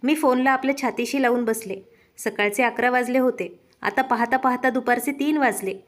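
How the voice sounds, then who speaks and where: A woman's voice: a little high, moderate pace. A woman narrating an emotional first-person story in an earnest, heartfelt manner.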